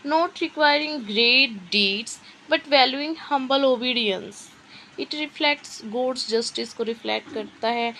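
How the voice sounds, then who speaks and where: A woman teacher giving an exam-prep literature lesson, explaining slowly and asking and answering her own questions. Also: on the high side, vocal fry, a bit bright, slight background noise, rough recording.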